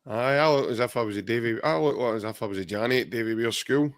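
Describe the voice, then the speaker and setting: A Scottish man in his forties co-hosts a podcast, talking fast in a medium-pitched voice. The chat is casual: he jokes around and reads out viewer comments.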